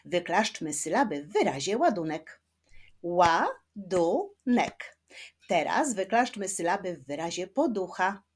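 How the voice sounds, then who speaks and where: A woman teaching children to read, speaking slowly and carefully and drawing words out syllable by syllable, gently encouraging her young viewers. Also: lowish voice, animated, slightly rough. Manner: slow, carefully spaced speech, stretching words syllable by syllable. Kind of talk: children's reading lesson.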